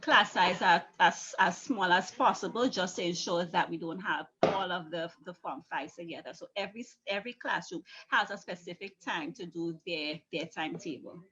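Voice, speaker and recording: A woman's voice: lowish voice, moderate pace, hardly any pauses, pushed and bright, dull audio. A woman, a schoolteacher explaining things conversationally in an interview, emphatic and often repeating phrases. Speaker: secondary school teacher being interviewed.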